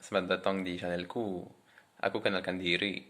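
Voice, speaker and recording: Male vlogger, French native speaking Indonesian as a foreigner with a French accent: deep voice, flat intonation, hesitant casual delivery. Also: fairly quick, very noisy. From France. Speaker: vlogger introducing himself. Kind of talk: casual talk to camera.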